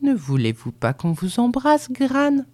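A woman's voice: on the high side, big pitch swings, brisk, no room sound, voice pushed up. A woman voicing a grown grandson who speaks in a coaxing, affectionate tone.

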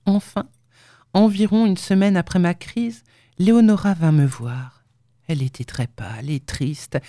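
A woman narrating an audiobook in a measured, sombre storytelling manner. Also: medium pitch, warm tone, dry recording, clean studio sound.

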